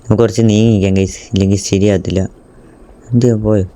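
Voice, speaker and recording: A man with a low, dark voice gives casual commentary over his gameplay. He exclaims often and excitedly, and he keeps speaking directly to his viewers. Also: fast talker. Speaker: gaming YouTuber.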